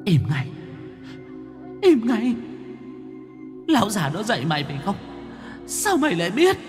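A man's voice: wildly swooping pitch, a little slow, big-room sound, soft background music, full character voice. A man putting on a shrieking vengeful ghost bride. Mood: shrieking fury. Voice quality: shrill, hissing threats. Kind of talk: ghost story voice acting.

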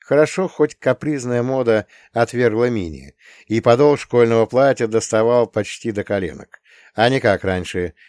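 A man narrating an audiobook with expressive storytelling. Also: mid-range voice, dry recording, clean studio sound.

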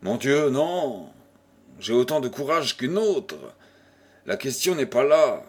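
A man's voice: mid-range voice, sing-song, slow, breathy edge, full character voice. A man reading a proud, resolute young widow. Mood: firm. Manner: firm, slightly ironic.

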